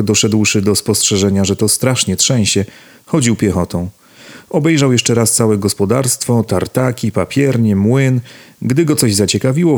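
A man narrating a novel as an audiobook in a measured, even delivery. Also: on the low side. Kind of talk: scripted narration.

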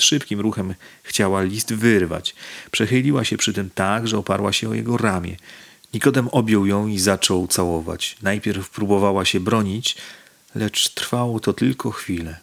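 A man with a fairly low voice and some vocal fry narrates a novel as an audiobook, reading in a steady, measured manner.

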